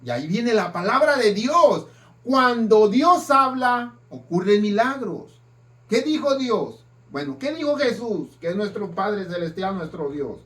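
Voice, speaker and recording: High-voiced preacher, slow sermon. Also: male voice, big pitch swings. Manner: emphatic preaching with dramatic swings in loudness. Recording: distant mic.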